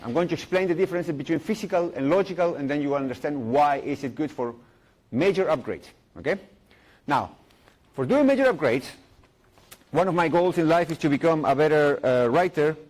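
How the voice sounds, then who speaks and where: At a conference, a middle-aged Chilean man speaks English into a stage mic, his slightly mellow voice sitting a little high for a man. Giving a live technical talk with audience questions, he's playful and jokey, with frequent fillers and restarts as he walks the room through a technical idea.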